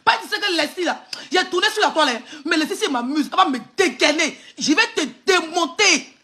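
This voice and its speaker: High, sharp-voiced Ivorian woman ranting. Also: expressive, a little fast. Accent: Ivorian French. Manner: insulting, mocking, laughs between jabs. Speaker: live-stream host. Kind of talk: angry live-stream rant.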